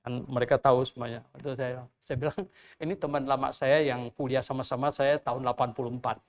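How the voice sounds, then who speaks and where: A man's voice: medium pitch, flat delivery, fast talker. An older man, a pastor, preaching a Sunday sermon in church in a conversational, storytelling way full of rhetorical questions. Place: church during a Sunday service.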